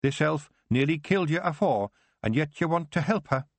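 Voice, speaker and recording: A man plays a small, fierce Scottish clan chief who is blunt and gruff, pitching the voice high and pushing it loud in broad, hard dialect. The mood is stern, the intonation lively and the pace moderate. The sound is close and dry, with no echo.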